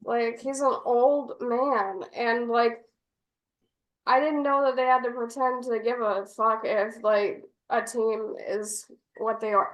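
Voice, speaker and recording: A woman's voice: fairly high pitch, fairly bright tone. Frank woman in an echoey room. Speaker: sports podcast co-host. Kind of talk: casual chat.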